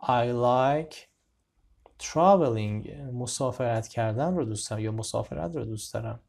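Creaky-voiced man teaching beginners. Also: mid-range voice, darkish tone. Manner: says each example sentence slowly and clearly, then explains it conversationally. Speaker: English teacher. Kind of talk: beginner language lesson.

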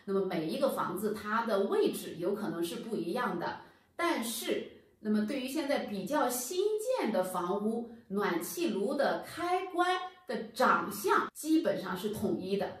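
Her mid-range voice comes from far off in a very echoey plain room, where the thirty-something HVAC presenter stands against a bare wall. She patiently explains home heating step by step, speaking straight to viewers.

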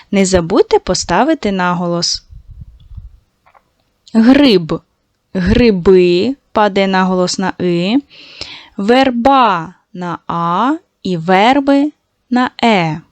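A woman teaching a recorded lesson to young schoolchildren, patient and encouraging, slowly stretching out sounds to show how they are said. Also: medium pitch, no echo. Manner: praising, addresses children directly.

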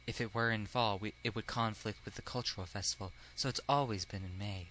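A man voicing a quiet young male pigeon classmate, soft and subdued. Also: fairly low pitch, a little fast, pitched below the performer's own voice, poor audio.

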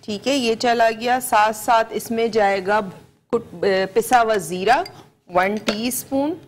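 There's a slight hiss or hum on the recording of this live TV cooking demonstration. The chef, a woman in her forties with a Pakistani Urdu accent and a slightly high voice, takes things slowly, explaining each step patiently and repeating each ingredient into a lapel mic in the studio kitchen.

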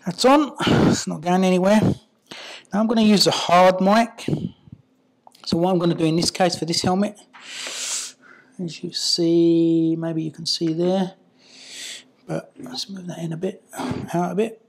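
Muttering to themselves while they work, a product installer and reviewer gives a casual hands-on installation tutorial. Their medium-pitched voice is gravelly and steady in tone, with a measured pace and frequent pauses.

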